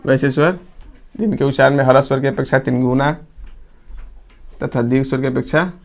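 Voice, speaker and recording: A man teaching a grammar lesson, asking the class questions and answering them himself, and repeating phrases slowly so they can be written down. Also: medium pitch.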